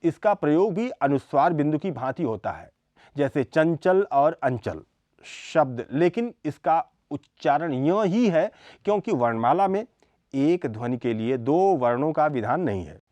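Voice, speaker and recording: A man giving a scripted lesson on speech sounds, reading them out one by one in a slow, deliberate way. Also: a little high, expressive, darkish tone, no echo. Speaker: lecturer. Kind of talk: scripted educational lecture.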